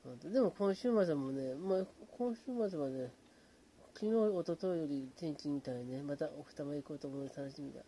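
A man talking in a hushed, low voice from his apartment late at night, greeting viewers by name and rambling in a relaxed way. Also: moderate pace, a little hiss or hum. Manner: hushed, low-volume talk; relaxed, rambling, fond of fillers like うん. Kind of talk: casual late-night chat.

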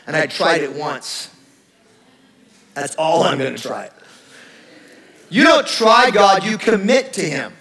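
Male pastor in his middle years, high bright delivery, joking and animated, echoey sanctuary sound. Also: slow, long pauses. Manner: animated, joking, acts out sarcastic voices. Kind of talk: lively sermon. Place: church sanctuary.

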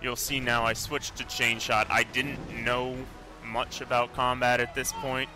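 A man's voice: mid-range voice, flat delivery, a little slow, music in the background. A man casually commenting on his own gameplay, rambling and correcting himself as he goes. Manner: rambling, self-correcting, offhand. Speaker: let's play commentator.

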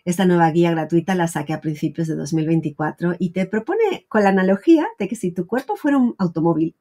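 A woman's voice: on the low side, mellow. A woman around forty explaining things earnestly and directly to the viewer as a channel host, recorded in a small home office. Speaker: YouTube channel host, wellness educator. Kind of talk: direct-to-camera explanatory vlog talk. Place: small wood-panelled home office, indoors.

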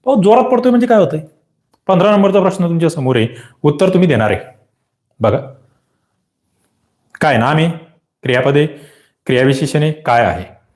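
Man, young adult, exam-prep teacher, lively and insistent, echoey room. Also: a little high. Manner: quizzing, repeats questions and pushes for quick answers. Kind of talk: live online grammar class.

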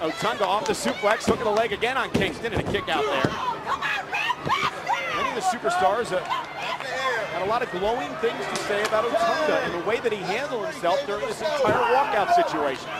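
A man giving excitable, projected live play-by-play wrestling commentary as a broadcast commentator. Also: high voice, fairly quick, very noisy. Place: large indoor arena. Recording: loud roaring arena crowd behind. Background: loud crowd and ring slams.

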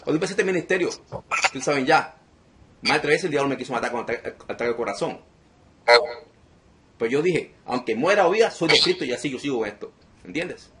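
A man's voice: on the high side, very noisy. A man preaching as a deliverance minister to an online group, emphatic and repeating phrases again and again.

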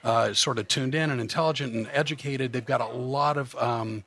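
A man's voice: mid-range voice, steady tone, normal speed, a bit bright. A man who works as a comedian hypnotist, chatting as a podcast guest in a joking, self-deprecating way with many restarts. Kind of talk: casual podcast chat.

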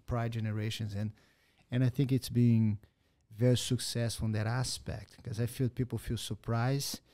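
Interviewing a guest from a podcast studio in a martial arts gym, this male host and jiu-jitsu instructor has a low, mellow voice. He talks in halting, searching phrases marked by non-native grammar, into a boom-arm studio mic while wearing headphones.

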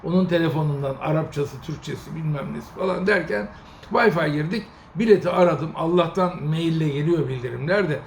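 A middle-aged man from Turkey telling a travel story in a casual, animated monologue, getting indignant and briefly mimicking officials. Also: a little high, brisk. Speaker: host. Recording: echoey room with faint ambient noise.

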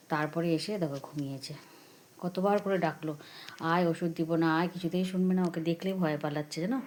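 A woman's voice: fairly low pitch, darkish tone, slight background noise. A woman in her thirties chatting casually to viewers as she cooks and tidies at home, recorded on a phone camera. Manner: chatty, homely, addresses viewers as friends. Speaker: home vlogger. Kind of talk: casual daily-life vlog narration. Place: home kitchen and rooftop.

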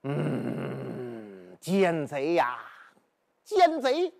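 A man voicing a sly old hunchbacked minister in traditional storytelling, with drawn-out theatrical muttering and cursing. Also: a little high, huge pitch swings, vocal fry, darkish tone, full character voice. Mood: indignant.

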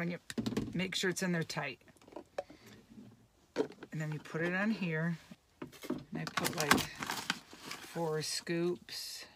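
Woman, fifties, casual vlog, slow, lowish voice, phone at arm's length, laughs a lot. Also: heavy background noise. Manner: chatty, laughs often. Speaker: vlogger. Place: camp van and forest campsite.

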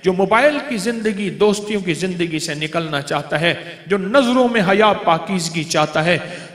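A man's voice: sits high, a bit bright. A man preaching a religious sermon in a fervent, repetitive, pleading cadence. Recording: echoey hall with long reverb.

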